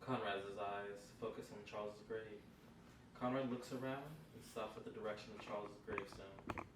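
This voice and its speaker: A man's voice: lowish voice, fairly even intonation, moderate pace. Man reading stage directions, distant roomy recording. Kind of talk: script table read, scripted narration. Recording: roomy, far from mic, noisy.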